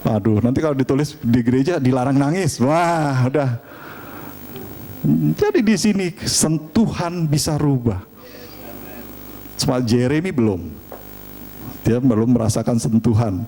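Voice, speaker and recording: A middle-aged man, preaching a sermon and telling family stories in an animated, humorous way. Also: medium pitch, a little slow, pauses often. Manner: animated storytelling, chatty and humorous. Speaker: pastor.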